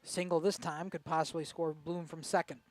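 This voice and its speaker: A man's voice: a little high, flat delivery, normal speed. A man giving baseball color commentary, playful and jokingly boastful in his banter.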